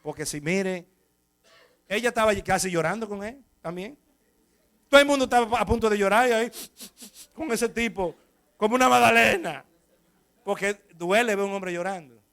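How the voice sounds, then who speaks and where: A male pastor with a Dominican accent, preaching a sermon full of lively anecdotes and chatting with the congregation. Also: high-pitched, moderate pace, long pauses. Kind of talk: storytelling sermon.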